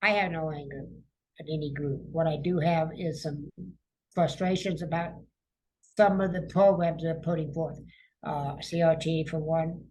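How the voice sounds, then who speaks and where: A man speaking as a podcast guest, setting out his views in an earnest, measured way. He pauses between short phrases and fills the gaps with soft filler sounds. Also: a little high, fairly even intonation, low-quality recording. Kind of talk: conversational interview.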